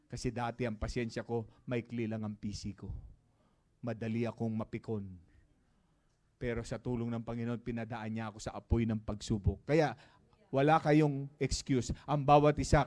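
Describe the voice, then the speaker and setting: A man preaching a sermon as pastor of a church, calling out to the congregation and shouting praise. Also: mid-range voice. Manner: preaching with call-and-response and shouts.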